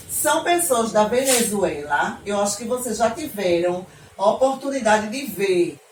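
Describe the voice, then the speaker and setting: Teaching geography online to young children, a Northeast Brazilian woman stays warm and affectionate, checking often with questions that they understand. Her voice is fairly high and a bit distant from the microphone, set against an echoey room and light background noise.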